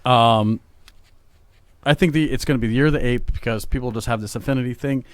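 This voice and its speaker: A man's voice: medium pitch, a little fast, dry recording. A man in his forties co-hosting a podcast, chatting casually and rambling with many fillers and restarts. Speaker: podcast co-host. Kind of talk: casual chat.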